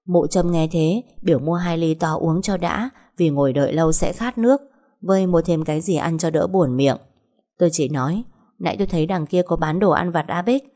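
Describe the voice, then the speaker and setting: A woman tells a first-person story. Her voice sits low and she keeps a steady storytelling pace. In dialogue she turns sly and probing. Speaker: narrator.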